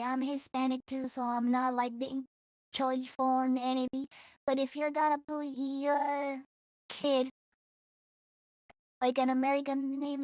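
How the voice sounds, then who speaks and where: A woman from El Salvador, a streamer, speaks English in a high, flat-sounding voice. She talks slowly and rambles through a casual vlog, blunt and profane, stopping and restarting her thoughts. The recording is dry and close.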